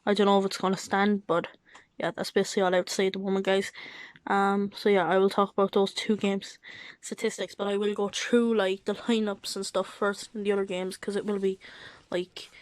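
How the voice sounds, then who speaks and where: A woman's voice: medium pitch, level tone, brisk, no echo, poor audio. A woman with the hiccups, casually running through football results and lineups and often excusing herself. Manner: reads out lineups, keeps apologizing. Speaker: football vlogger. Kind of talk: casual live football reaction.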